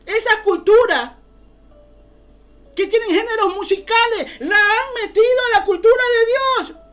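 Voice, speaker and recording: Very high-voiced fervent woman preacher. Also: unhurried, a bit bright. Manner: fervent, addresses listeners as brother. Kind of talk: sermon.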